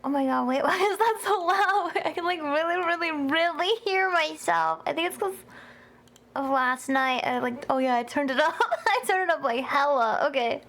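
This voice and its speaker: A woman's voice: high-pitched, lively intonation, normal speed, fairly bright tone. A young woman streamer chatting casually with her chat, giggly and a bit tired, with a headache.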